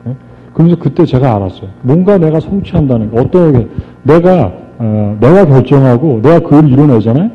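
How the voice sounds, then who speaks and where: A man's voice: medium pitch, brisk. Man telling his story on stage, tinny. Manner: animated, re-enacts dialogue and jokes with the crowd. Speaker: motivational speaker. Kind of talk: storytelling speech to an audience. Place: stage before a live audience. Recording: tinny lo-fi archive recording with faint music.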